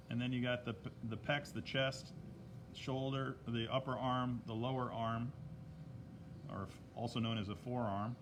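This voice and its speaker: A man's voice: medium pitch, background noise. Chatty man teaching a drawing lesson. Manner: chatty, greets viewers by name mid-lesson. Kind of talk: casual live-stream drawing lesson. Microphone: tablet microphone.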